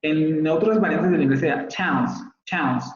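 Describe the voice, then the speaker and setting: A man's voice: medium pitch, normal speed, crowd noise. Man, Mexican Spanish accent, phonetics teacher, explanatory, repeats sample words, echoey room, muffled audio. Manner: explanatory, repeats example words to model pronunciation. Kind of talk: online class lecture. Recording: roomy, slightly dull audio with faint ambience.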